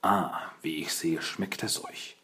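A man voicing a cruel, gloating male villain in an audiobook, speaking slowly and with a sneer. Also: low voice, fairly even intonation, sharp tone, a little hiss or hum, exaggerated voice. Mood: gloating menace.

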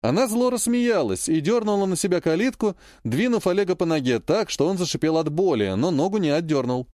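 A man narrating an audiobook in the first person with an expressive reading. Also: sits high, a little fast, no room sound, clean studio sound.

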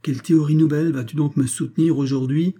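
A man reading an audiobook, voicing a domineering middle-aged billionaire father who speaks forcefully and reproachfully. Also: on the high side, fairly even intonation, fast, slightly rough, voice pushed up. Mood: exasperated. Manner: forceful, reproachful, rising to emphatic outbursts.

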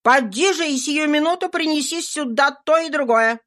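A woman voicing a stern, exasperated spinster aunt who scolds with sharp questions. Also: sits high, normal speed, voice pushed up. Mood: scolding.

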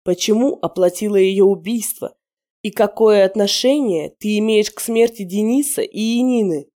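A woman's voice: medium pitch, moderate pace, dark tone, lightly acted. A woman voicing a stern young male werewolf interrogator who speaks in curt, commanding orders, in an audiobook.

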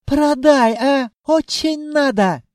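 A man's voice: very high voice, takes it slowly, darkish tone, dry recording, clean studio sound, voice pushed up. A man voicing a greedy, pushy blue-skinned male genie with a Caucasian accent and broken, exclamatory speech. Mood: pushy, wheedling.

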